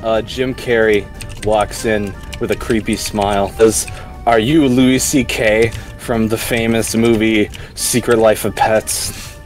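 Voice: mid-range voice, steady tone. A player making up a silly story with a friend in a casual gaming chat, often dissolving into giggles. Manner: giggly, slow, dissolving into laughter. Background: background music.

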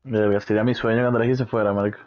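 Quiet man chatting in game voice chat. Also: on the low side, little pitch movement, racing, highs cut off. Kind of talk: casual gaming voice chat.

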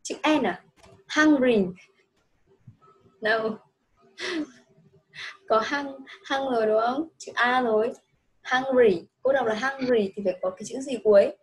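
Woman, kids' English teacher, coaxing and patient, slightly high voice. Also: normal speed, low-quality recording. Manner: patient, coaxing, repeats answers back. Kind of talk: one-on-one children's English lesson.

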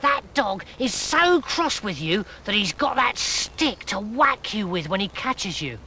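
A man voicing an excitable, bossy female frog in a storybook, high and emphatic. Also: a little slow, distant mic, slight background noise, exaggerated voice.

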